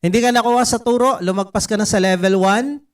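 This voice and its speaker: A man preaching a sermon in an animated way, mixing in English words and putting questions to the congregation. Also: high-pitched, a little fast. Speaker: pastor. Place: church service.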